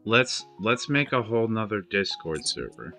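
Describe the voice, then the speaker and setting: A man's voice: lowish voice, sing-song, moderate pace, pushed and bright, faint music behind. A man chatting casually with friends on a crypto livestream, joking and laughing as he talks. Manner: joking, laughs while talking.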